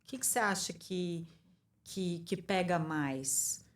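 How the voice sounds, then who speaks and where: A woman's voice: on the low side, takes it slowly. Attentive woman interviewer. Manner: attentive, asks questions with short affirmations. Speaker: interviewer host. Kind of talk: interview questions.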